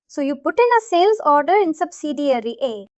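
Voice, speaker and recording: This woman teaches software, explaining a concept in steps, often repeating points and asking whether learners are following. She speaks a bit fast in a high pitch with big swings and a darkish tone, on a lo-fi recording without echo.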